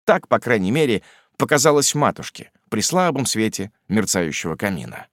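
A man narrating a classic novel as an audiobook in a measured, expressive storytelling manner. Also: on the low side, dry recording, clean studio sound.

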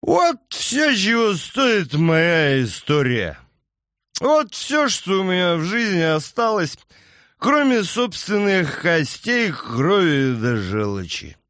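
A man's voice: a little high, no echo, clean studio sound, voice pushed up. A man voicing a bitter, unhinged drunk villager who slurs, rants and cackles shrilly, in an audiobook. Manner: slurring, ranting, cackling shrilly.

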